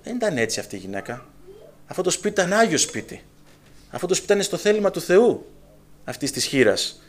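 A man preaching a sermon to a congregation, dramatic and emphatic, dropping to a hush and then rising loud, acting out quoted dialogue. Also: sits high, very animated. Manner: acts out dialogue in quoted voices.

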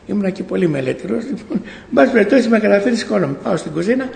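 A middle-aged church member gives his faith testimony to a congregation in a gravelly, slightly high, expressive voice with a darkish tone. He tells it as a story, acting out the dialogue and frequently correcting himself. A long reverb from the church hall rings around his words.

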